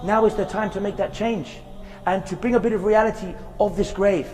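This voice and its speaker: Earnest high-voiced male preacher. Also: fairly even intonation, brisk, darkish tone, in a large hall, soft background music. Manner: earnest, repetitive emphasis, recites Quran verses. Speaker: Islamic preacher. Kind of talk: filmed religious reminder. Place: outdoors in a graveyard.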